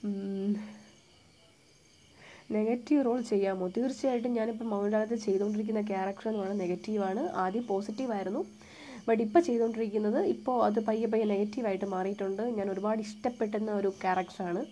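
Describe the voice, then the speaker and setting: A young woman with a Thiruvananthapuram Malayalam accent, chatting live and answering viewer comments in a soft, hushed voice with English words mixed in. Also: mid-range voice, fairly even intonation, a little fast, slight background noise. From Kerala, India. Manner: soft-spoken, quiet, almost hushed; mixes English words into her talk.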